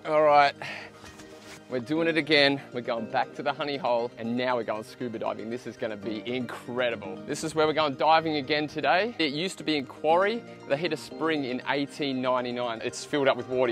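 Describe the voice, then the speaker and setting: A young Australian man with a brisk, mid-range voice narrates a casual vlog of his treasure hunt over music, chatty and eager. He gets excitable, gasping and laughing at his finds, as he moves between a flooded quarry outdoors, a van, and underwater. The outdoor camera audio is noisy.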